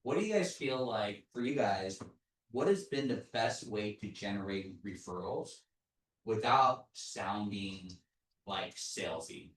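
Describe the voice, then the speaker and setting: A man's voice: fairly low pitch, lively intonation, a little slow. A man moderating a discussion panel, giving brief affirmations and asking open questions. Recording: echoey room, mic at a distance.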